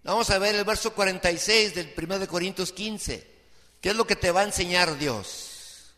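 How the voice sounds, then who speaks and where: A male pastor delivers an impassioned sermon in a high, piercing voice, sinking to hushed tones and then climbing to shouted pleas. His voice rings out with a long reverb, as if in a large hall. It has a bright, cutting edge. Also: normal speed. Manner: impassioned preaching, swinging from soft to shouted pleading.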